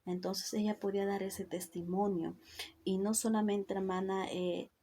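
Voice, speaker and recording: Speaking at a normal speed, this woman preacher has a medium-pitched, warm voice with little pitch movement. She delivers earnest devotional Bible teaching, often saying "hermana" to her listener and asking "¿verdad?", and she stumbles into slips and restarts.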